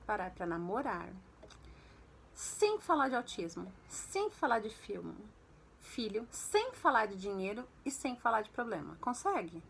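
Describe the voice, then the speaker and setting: A woman's voice: gravelly, fairly bright tone, slight background noise. A woman from Brazil with a Brazilian Portuguese accent, chatting in a confiding way as she gives advice to other mothers. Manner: chatty, confiding, acts out quoted dialogue with pitch jumps. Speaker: vlogger and mother. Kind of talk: casual advice vlog to mothers.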